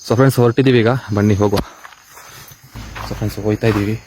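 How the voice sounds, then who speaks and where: A man telling a ghost story and exploring an abandoned house at night for his vlog, repeating words and shouting "hey" when something moves. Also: lowish voice, fast talker, slight background noise, poor audio. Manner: repetitive storyteller, excited calls of "hey" when startled. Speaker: vlogger exploring a haunted house. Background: crickets and insects.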